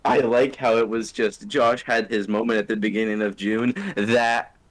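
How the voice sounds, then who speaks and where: A man's voice: on the low side, level tone, moderate pace. A young man co-hosting a casual podcast chat over a voice call, laid-back and laughing often. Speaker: podcast co-host.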